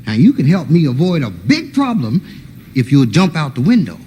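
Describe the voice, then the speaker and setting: A man's voice: on the high side, wildly swooping pitch, normal speed, warm tone. A man voicing a brash, sassy wife in a comedy monologue, bossy and exasperated. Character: brash, sassy, quick-witted cheating wife. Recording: noisy old live stage recording.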